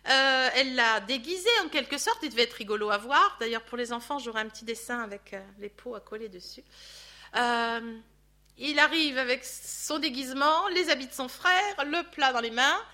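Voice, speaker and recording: A woman leading a Bible study, telling the story in a lively way with chatty asides to her listeners. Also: sits high. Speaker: Bible teacher.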